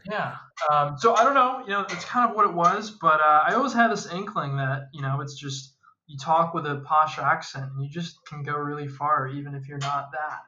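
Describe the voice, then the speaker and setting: A young man tells a long, rambling story in a relaxed podcast chat, keeping it lively as he goes. His voice is bright and forward. The audio is slightly dull and lo-fi. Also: a little high, moderate pace, slight background noise. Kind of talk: casual storytelling.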